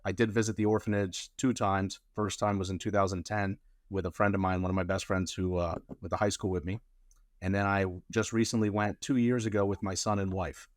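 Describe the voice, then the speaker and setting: A man with a very deep voice talks casually about his work as a lawyer. He wanders through his answers with fillers and restarts. The sound is close and dry, with no room around it. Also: level tone, fairly quick, no room sound. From Colombia. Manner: rambling, many fillers and restarts. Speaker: immigration lawyer, guest.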